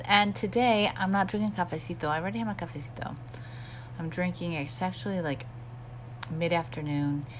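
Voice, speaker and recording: A woman podcast host chatting casually in a hesitant, confiding way, recorded in a small bathroom at home with a fan running. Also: deep voice. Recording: bathroom with steady fan hum. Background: humming bathroom fan.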